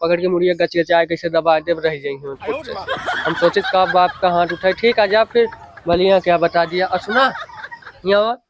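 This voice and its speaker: A man's voice: sits high, steady tone, moderate pace, lo-fi sound, crowd noise. A man playing a concerned, scolding young villager in a comedy skit, with an Awadhi accent. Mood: exasperated. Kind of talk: rural comedy skit acting.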